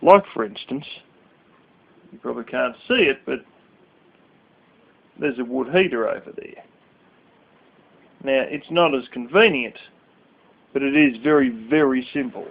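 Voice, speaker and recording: A man's voice: medium pitch, measured pace, creaky, long pauses. A sleepy man ranting bluntly and rambling as he talks to camera, swearing freely. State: sleepy, yawning late at night. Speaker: vlogger. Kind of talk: casual rant to camera. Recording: tinny phone-like audio.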